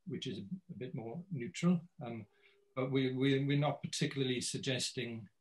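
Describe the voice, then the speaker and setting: Poor audio carries a man's steady, mid-range voice at a normal speed as he speaks as a guest on an academic panel via video call. He stumbles hesitantly, with frequent restarts and repeated words.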